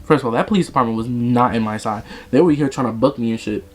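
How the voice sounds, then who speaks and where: A man's voice: medium pitch, fast talker. A young man vlogging, telling a dramatic, profane story in a casual way while he does his makeup.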